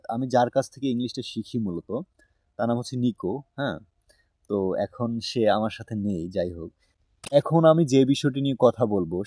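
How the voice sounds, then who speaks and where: A young man explains how to learn spoken English in an easygoing, chatty way. His voice is mellow and dark, and the dry, close recording has no room sound. He keeps checking in with his listener and pauses to think often. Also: lowish voice, dry recording. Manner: relaxed and conversational, frequent "haan?" check-ins and "ah" fillers. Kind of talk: casual talk-through lesson.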